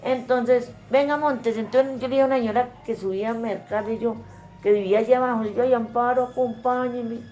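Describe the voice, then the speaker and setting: A woman's voice: on the high side, fairly even intonation, fast talker, warm tone, highs cut off. Older Paisa woman, interviewee, emotional storyteller who acts out the people she quotes, faint music underneath. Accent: Colombian Paisa Spanish. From Colombia. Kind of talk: oral history testimony.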